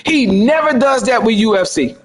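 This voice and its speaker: Fired-up, high-voiced male gaming ranter. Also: lively intonation, moderate pace, poor audio. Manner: profane, fired up, says he has a temper. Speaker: gaming commentator. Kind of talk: heated ranting commentary.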